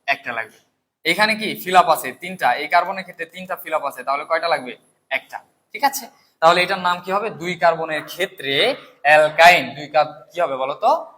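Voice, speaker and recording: A man teaching chemistry, his voice bright and fairly high for a man. He asks his students questions, then answers them himself and counts step by step. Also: animated, a little fast. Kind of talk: recorded lecture, question-and-answer drilling.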